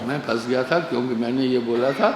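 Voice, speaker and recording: A man's voice: mid-range voice, a little fast, noisy background. Man preaching in an echoey hall. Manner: relaxed storytelling with humor. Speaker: spiritual teacher. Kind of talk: sermon with anecdotes. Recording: echoey hall with long reverb.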